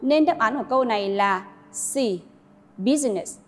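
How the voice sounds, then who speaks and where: A woman teacher, slowly modelling English sounds and explaining pronunciation rules to students. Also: fairly high pitch, expressive. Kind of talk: classroom lesson narration. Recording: long reverb with faint music.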